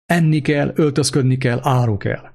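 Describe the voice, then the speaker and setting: A man's voice: mid-range voice, a little mellow, lightly acted. A man reading aloud and voicing a small, bald, poor shopkeeper who frets and talks to himself. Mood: fretful. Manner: anxious, rambling self-talk.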